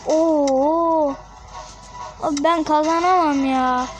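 Excitable high-voiced woman gaming. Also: slow pace, faint music behind. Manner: excitable, trash-talks enemies. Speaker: mobile gamer. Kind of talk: casual gameplay commentary. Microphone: phone screen recording.

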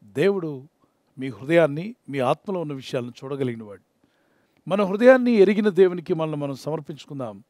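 Male pastor, high voice, earnest devotional sermon, dry close sound. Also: expressive, fairly quick, darkish tone, no room sound. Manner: earnest preaching, acts out prayers and quotes.

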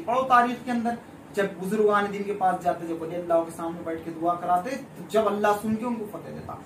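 A man's voice: sits high, slight background noise. A man, a faith healer, preaching a sermon in a scolding, admonishing manner. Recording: echoey room, voice far from the mic.

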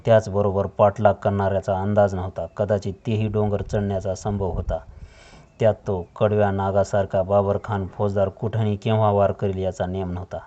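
A man narrating a novel in a steady, measured storytelling manner. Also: on the low side. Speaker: audiobook narrator. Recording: dull lo-fi audio.

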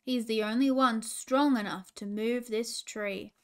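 A woman's voice: a little high, steady tone, unhurried, smooth, natural voice. A woman voicing a wise male owl who huffs for breath and speaks in short, clipped phrases. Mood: calm.

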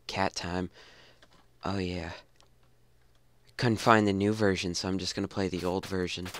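Slow, bright-voiced young man gaming. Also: little pitch movement, slight background noise. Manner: goofy, rambling, mumbles low asides then yelps. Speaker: gamer. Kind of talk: casual let's-play commentary.

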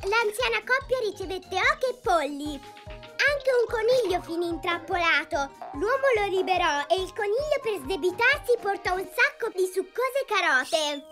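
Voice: very high voice, a bit bright. A voice actor playing a playful little girl who tells a fairy tale in a chatty cartoon storybook style, asking the listener questions along the way.

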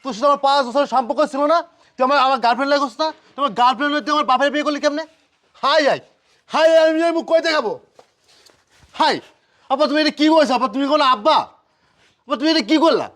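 A man's voice: very high-pitched, fast, long pauses, fairly bright tone. A man playing an indignant jilted young son who wails, accuses and pleads in colloquial Bangladeshi Bengali.

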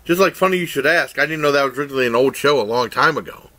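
An older man talks to the webcam on his desk in a small room against a plain wall, casually reviewing a game show. He races along in a sharp, medium-pitched voice, rambling with many fillers and restarts.

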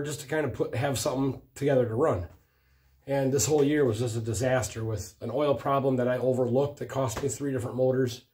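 A hoarse man casually rambling about his motorcycle project in his garage, swearing freely. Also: mid-range voice, darkish tone. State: hoarse from a cough. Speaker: motorcycle racing vlogger. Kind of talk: casual chat. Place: home garage workshop.

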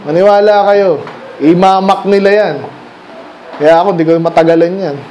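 A pastor from the Philippines preaches during a Sunday night service at church, talking conversationally, throwing rhetorical questions at the congregation and going back and forth between Tagalog and English. His high, a little mellow voice has fairly even intonation and a moderate pace. The audio is dull, with slight background noise.

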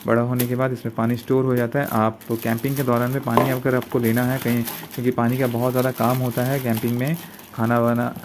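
A man's voice: medium pitch, darkish tone. Hesitant man unboxing gear on phone. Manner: hesitant, many fillers and restarts. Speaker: vlogger unboxing camping gear. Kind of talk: casual unboxing talk. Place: indoor room at a table. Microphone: handheld phone camera pointed at the table. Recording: noisy phone recording with room hiss.

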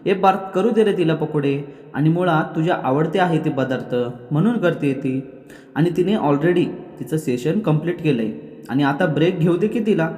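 A man voicing a kind older aunt who gently coaxes. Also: fairly high pitch, normal speed, roomy sound, in a large hall, natural voice. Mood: coaxing.

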